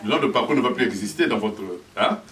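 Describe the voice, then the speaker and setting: A man's voice: medium pitch, lively intonation, quick pace. A distant man officiating over a crowd. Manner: solemn, then joking with the crowd. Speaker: ceremony officiant. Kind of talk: addressing a crowd at a dowry ceremony.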